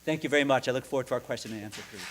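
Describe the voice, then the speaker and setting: A middle-aged man giving a conference talk in a seminar room, often pausing and repeating words and putting questions to the audience. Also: mid-range voice, background noise. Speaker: seminar speaker.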